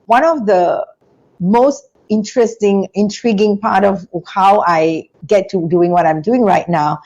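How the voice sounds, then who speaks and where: A woman from Singapore, a guest in an interview, telling her story in an animated, chatty way with frequent restarts. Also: mid-range voice, a little slow, lo-fi sound. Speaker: interview guest, business school founder.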